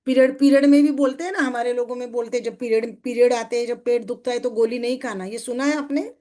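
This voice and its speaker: A middle-aged woman coach with a somewhat high voice leads a group workshop. She keeps turning to her listeners with questions and checks that they follow. She brings her points to life by voicing little everyday scenes. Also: steady tone, quick pace, dark tone. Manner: acts out everyday scenes in quoted speech. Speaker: success coach. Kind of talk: motivational group workshop talk.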